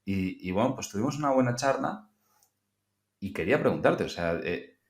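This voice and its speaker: A man hosting a podcast, asking questions in a relaxed, chatty way. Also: lowish voice, moderate pace. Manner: relaxed, chatty, many fillers. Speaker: podcast host. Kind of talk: casual interview chat.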